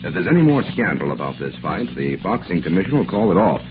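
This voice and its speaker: Low-voiced, level-headed man in old radio. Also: very animated, phone-quality sound. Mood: calm, reasoning. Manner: measured, reasonable. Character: level-headed, calming male adviser, authoritative and genial. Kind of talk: old radio drama acting. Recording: very noisy, band-limited old radio recording.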